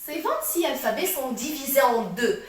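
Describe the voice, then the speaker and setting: A woman's voice: high-pitched, expressive, moderate pace. Echoey, distant Moroccan woman teaching French. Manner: patient, repetitive, keeps checking understanding. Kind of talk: spoken grammar lesson. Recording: very echoey room, voice far from mic.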